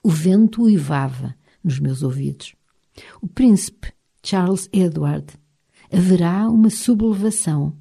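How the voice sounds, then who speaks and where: A woman with a European Portuguese accent reading an audiobook in the first person, in a measured, expressive way. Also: on the low side, gravelly, husky. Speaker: audiobook narrator.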